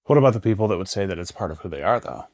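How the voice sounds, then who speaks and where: A man's voice: low-pitched, animated, racing, a little mellow, no echo. A man co-hosting a health podcast, talking bluntly and emphatically in casual slang. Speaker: podcast co-host.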